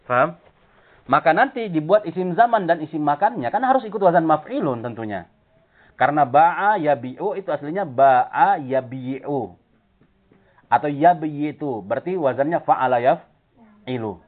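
A man with a fairly high voice leads a grammar lesson, walking through each rule and stopping to ask the class whether it is clear. The recording is thin and phone-like, squeezed into a narrow band. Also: expressive, moderate pace. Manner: explains step by step, checks the class with "paham?" and "jelas?". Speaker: Arabic grammar teacher. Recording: tinny phone-like audio.

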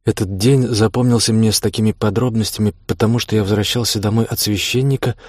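A man narrating a classic novel in the first person as an audiobook, reading in a measured, even way. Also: fairly low pitch, no room sound, studio quality.

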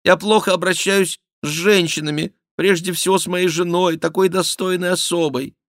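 A man voicing a mocking male court jester who makes a loud, nasal, theatrical mock confession. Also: fairly even intonation, normal speed, no echo, clean studio sound. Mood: mock-tearful. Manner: loud, theatrical, high-pitched mock repentance.

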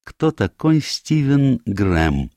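A man's voice: mid-range voice, sing-song, dark tone, dry recording, studio quality, voice pushed up. A man doing a fussy little Belgian detective. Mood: grave. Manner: precise, measured, insistent. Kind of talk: audiobook character voice.

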